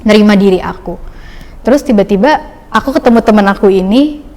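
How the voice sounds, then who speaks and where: A young woman recalls her own life story for a podcast in a relaxed, chatty flow. Her phrases run on loosely with plenty of fillers. Her voice sits in a middle pitch, and a long reverb trails behind each word. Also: fairly quick. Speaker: podcast guest. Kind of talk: casual personal testimony.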